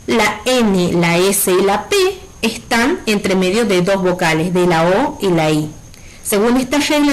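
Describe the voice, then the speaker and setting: A woman's voice: mid-range voice, poor audio. A woman primary school teacher giving a recorded virtual lesson, explaining patiently and checking in with her pupils.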